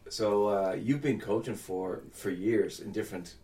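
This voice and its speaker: A man hosting a casual interview, speaking reflectively and haltingly, repeating phrases as he goes. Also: on the low side, dark tone. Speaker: podcast host.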